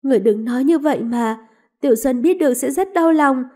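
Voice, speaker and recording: Woman reads a kind young maid, soothing, gentle, high voice. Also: fairly quick.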